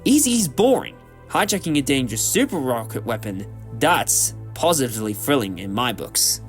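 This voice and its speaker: A man's voice: medium pitch, very animated, normal speed, faint music behind. A man playing a cocksure, eccentric time-travelling adventurer in a fan audio drama, with a flippant, theatrical manner. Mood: jaunty, eager.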